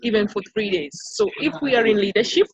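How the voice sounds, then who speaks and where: A woman's voice: medium pitch, quick pace, breathy edge, no room sound, rough recording. A woman from Kenya, founder of an organization, speaking plainly and earnestly on a panel.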